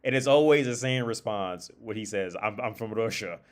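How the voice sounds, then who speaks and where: A man with a fairly low, clear, resonant voice hosts a livestream alone at a normal pace. His casual, rambling monologue drifts through anecdotes as if he's thinking aloud, full of swearing, and he often repeats or restarts a phrase before carrying on.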